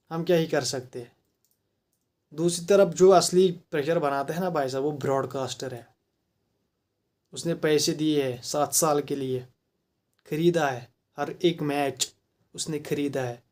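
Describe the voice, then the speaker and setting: A man's voice: on the high side, a little mellow. A man with a Kashmiri accent giving a heated, rhetorical opinion monologue, mixing English phrases into his talk. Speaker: commentator.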